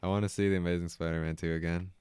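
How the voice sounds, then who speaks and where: A man's voice: low-pitched, little pitch movement, very fast, a little mellow, smooth, no room sound. A man co-hosting a casual movie review chat, laid-back with dry jokes. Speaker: podcast co-host.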